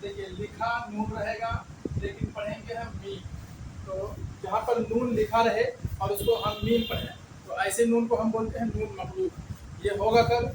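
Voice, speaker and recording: High-pitched guy teaching a beginner class, repeats stuff and answers his own questions, traffic going by. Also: measured pace, far from the mic. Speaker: Urdu teacher. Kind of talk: beginner language lesson. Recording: echoey, mic set back, traffic noise.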